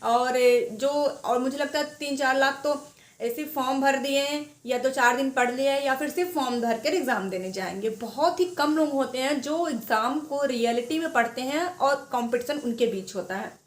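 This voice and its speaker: A woman's voice: high-pitched, normal speed, roomy sound. Chatty woman giving exam advice. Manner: chatty, repeats herself, many restarts. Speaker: exam preparation guide. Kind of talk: informal advice talk to students.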